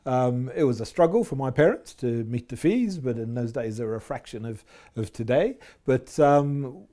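A man in his fifties with a Scottish accent, talking with a relaxed, warm tone. He answers a business interviewer in a measured, reflective way, often pausing on fillers. He is recorded on a lapel mic in an office. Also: mid-range voice. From Scotland. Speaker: company chief executive, interview guest. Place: office with window blinds.

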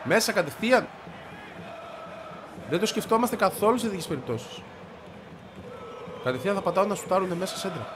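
A man with a stuffy, congested voice giving excited commentary as he plays a football video game, shouting and grumbling at the match. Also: sits high, long pauses, crowd noise, background noise. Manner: shouts and yelps at the game, frustrated outbursts. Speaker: gaming video creator.

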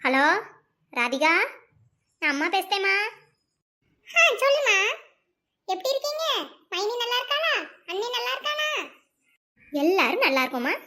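A woman's voice: extremely high pitch, sing-song, a little slow, pauses often, pushed and bright, exaggerated voice. A woman voicing a scheming elderly mother-in-law, muttering asides in a sketch.

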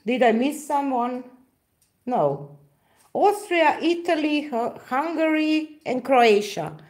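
At an indoor craft table filmed from overhead, a woman hosting an acrylic pouring live stream reads viewer comments and chats casually. She speaks slowly with a Slovenian accent in a high, animated, darkish voice, halting to search for words, with frequent fillers and laughs.

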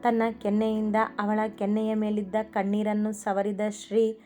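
A woman storyteller reading a romantic story aloud in a soft, steady way. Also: medium pitch, moderate pace. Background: faint music.

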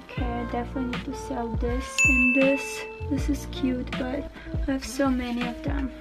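A woman in her twenties chatting casually to camera at home, thinking out loud with lots of fillers. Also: high-pitched, level tone, normal speed, over loud music. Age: 20s. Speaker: vlogger.

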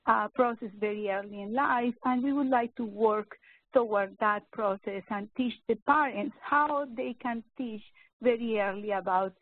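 A woman in her fifties, a neurologist giving an educational webinar talk, speaking slowly and hesitantly with many fillers and restarts. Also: mid-range voice, no room sound. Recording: narrow phone-like webinar audio, dry.

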